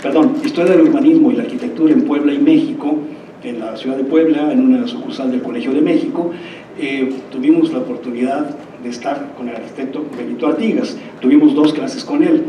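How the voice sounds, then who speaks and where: A man's voice: medium pitch, fairly quick, muffled recording, slight background noise. Mexican man lecturing in a roomy hall. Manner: digressive storyteller, checks in with listeners. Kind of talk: anecdotal lecture. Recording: roomy hall, mic far off.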